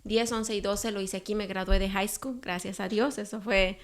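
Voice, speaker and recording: Young Mexican woman, soft-spoken guest, tells her story in Spanish with English slipped in. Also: mid-range voice, steady tone, moderate pace. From Durango, Mexico. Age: young adult. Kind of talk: casual interview, personal testimony.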